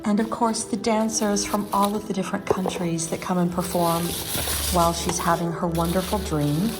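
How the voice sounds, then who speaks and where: A woman hosts a chatty home decorating vlog, gushing with enthusiasm even though her fairly low voice has a flat delivery at a moderate pace. Music plays behind her voice.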